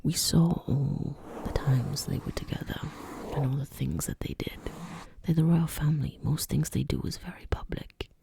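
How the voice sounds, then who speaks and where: An ASMR creator giving an opinionated ramble in a soft, breathy whisper, repeating words and phrases deliberately. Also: medium pitch.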